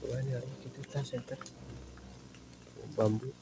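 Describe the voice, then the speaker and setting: A man's voice: medium pitch, steady tone, normal speed, vocal fry, heavy background noise. A man with a Sundanese accent, chatting casually in short exclamations while out on a night vlog. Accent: Sundanese-influenced Indonesian. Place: outdoors at night. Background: faint music.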